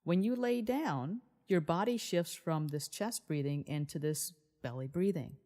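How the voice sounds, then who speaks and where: A woman's voice: fairly low pitch, unhurried, dark tone. A woman co-hosting a wellness podcast, explaining things earnestly in a conversational style. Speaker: podcast co-host.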